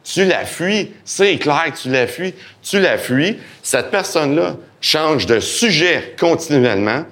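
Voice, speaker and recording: A man with a Québécois French accent speaking as a guest on a live podcast in front of an audience, animated and joking, acting out the voices in his head. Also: a little high, measured pace, hardly any pauses. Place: event hall with live audience.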